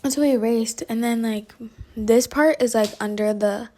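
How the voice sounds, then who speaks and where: A young adult woman telling a story to her viewers in a casual, animated vlog, laughing often and filling her speech with "like". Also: on the high side, moderate pace. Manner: animated, chatty, laughs often, heavy use of "like". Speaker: vlogger.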